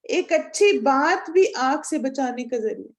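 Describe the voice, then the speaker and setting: High-voiced woman teaching a religious class. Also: animated, dull audio. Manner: earnest and instructive, asks the class questions; mixes English words into her talk. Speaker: Quran course teacher. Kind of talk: religious lesson lecture.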